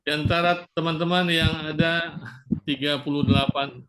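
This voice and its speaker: A man's voice: a little high, steady tone, normal speed, background noise. Man hosting an online church meeting. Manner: friendly, many "eh" and "ya". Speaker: small-group host. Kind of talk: moderating an online prayer meeting.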